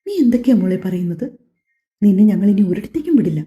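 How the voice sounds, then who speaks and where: A woman's voice: medium pitch, very animated, fast, dark tone, natural voice. A woman voicing a stern, protective middle-aged father who insists his daughter stay home, in an audio story. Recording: echoey, slightly dull home recording.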